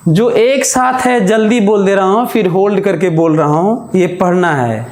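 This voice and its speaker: Male physics teacher, slow and measured, pausing to stress points, lecture in a reverberant classroom. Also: sits high. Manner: slow and deliberate, with held pauses. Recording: echoey room.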